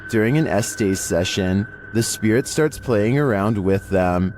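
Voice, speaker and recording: A man's voice: on the low side, animated, unhurried, music in the background. A man reading a scripted narration about paranormal investigations as the narrator.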